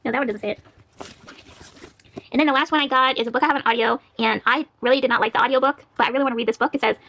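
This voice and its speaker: A woman's voice: high-pitched, fairly even intonation, racing, a bit bright. A woman chatting casually about books she borrowed from the library, laughing often and reading back-cover blurbs aloud. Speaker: book vlogger. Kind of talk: casual library haul chat.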